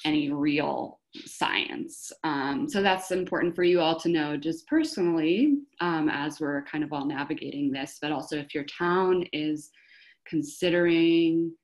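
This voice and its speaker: A woman on a panel giving a measured, explanatory answer over a video call, often pausing mid-phrase. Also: sits low. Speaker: panelist for an environmental group.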